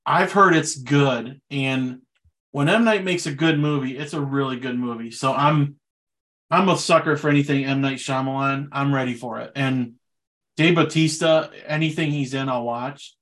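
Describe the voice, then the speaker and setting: A man co-hosting a podcast, chatting casually about movies in a relaxed way with loose fillers. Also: medium pitch, normal speed. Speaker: podcast co-host.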